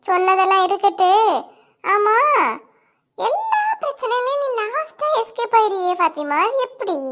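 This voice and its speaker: A woman voicing quarrelling village women in a cartoon comedy, sharp and scolding, with a Kanyakumari Tamil accent. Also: very high-pitched. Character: bickering village women neighbours, quick-tempered.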